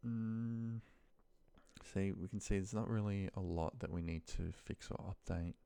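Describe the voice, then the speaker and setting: Speaking in a low, mellow voice with vocal fry and a clean tone, a man walks through data-entry work on his screen at a measured pace. He thinks aloud informally in short, muttered fragments, and there's no room sound.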